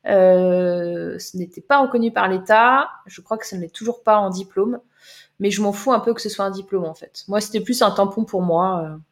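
A woman's voice: mid-range voice, normal speed. A woman coach talking casually on a live stream, answering viewers' chat comments in a loose, chatty way with many repeats and fillers. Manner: chatty, loose, repeats words and fills with euh. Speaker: life coach.

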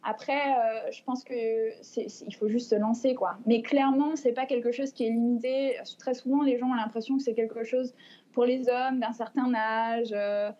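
A woman's voice: on the high side, fairly even intonation, moderate pace, mellow, muffled recording. A woman in her twenties, a guest on a podcast, talking hesitantly with many fillers. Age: 20s. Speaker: guest, long-distance cyclist. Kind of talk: podcast interview.

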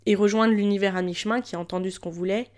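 A woman talks solo on a podcast in a mid-pitched voice made thick by swollen tonsils and a throat infection. She speaks informally and directly to her listeners, urging them on in a motivational way. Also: fairly even intonation, very fast, a little mellow. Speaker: podcast host. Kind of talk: casual solo podcast talk.

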